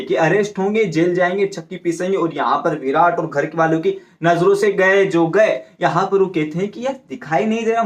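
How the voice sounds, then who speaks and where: A man casually retelling a TV serial episode in a chatty, animated way, acting out the characters' lines. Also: high voice. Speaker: TV serial recap narrator. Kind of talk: casual storytelling recap.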